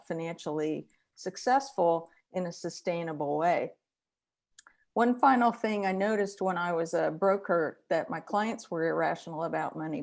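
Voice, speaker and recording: Middle-aged woman host with gravelly low voice. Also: darkish tone. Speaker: interview host, psychologist. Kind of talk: online interview.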